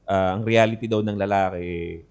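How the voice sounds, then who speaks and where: A man's voice: sits low, fairly even intonation, moderate pace, a little mellow, smooth. A man co-hosting a casual podcast, arguing his point and asking "right?" again and again. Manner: argumentative, repeats "di ba?" often. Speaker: podcast co-host.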